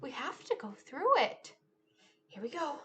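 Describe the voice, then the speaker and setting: In a high, very animated voice, a woman reads a children's story like a teacher, theatrically stretching key words into a sing-along chant. She swings between hushed whispers and loud exclamations, with noticeable background noise behind her.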